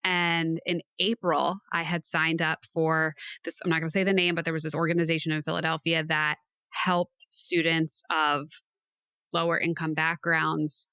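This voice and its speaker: A woman's voice: deep voice, level tone, normal speed, clean tone, no echo. A woman in her thirties co-hosting a casual podcast, affirming her partner and telling stories in a reflective way. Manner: warm affirming listener, reflective storytelling. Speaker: podcast co-host.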